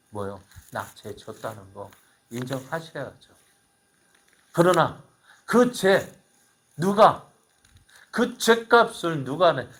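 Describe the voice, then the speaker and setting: A middle-aged man preaching a sermon as pastor, asking the congregation questions and swinging between loud bursts and quiet asides. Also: fairly high pitch.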